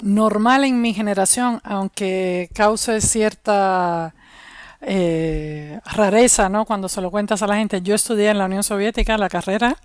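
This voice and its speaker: A middle-aged woman from Cuba, chatting warmly as an interview guest over a video call. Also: medium pitch, steady tone, unhurried, no echo. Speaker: guest expert. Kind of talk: casual interview chat.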